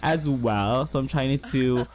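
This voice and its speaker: A hoarse young man chatting excitedly through casual gameplay commentary as a let's play host. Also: mid-range voice, slow pace. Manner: chatty and excitable, gushing with slang. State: hoarse, losing his voice.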